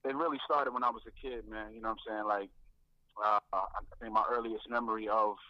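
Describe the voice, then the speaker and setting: A man, a guest rapper, telling his faith story in a reflective way, often repeating words and filling pauses. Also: fairly low pitch, fairly even intonation, no echo, muffled recording.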